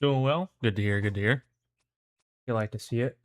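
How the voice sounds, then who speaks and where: Casting: male game streamer, medium pitch, dry sound, relaxed slangy chat, speaking with a dentist-numbed mouth. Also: moderate pace, no echo. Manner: talking with a mouth numb from the dentist; laid-back, slangy. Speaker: livestream host. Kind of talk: casual gaming livestream chat.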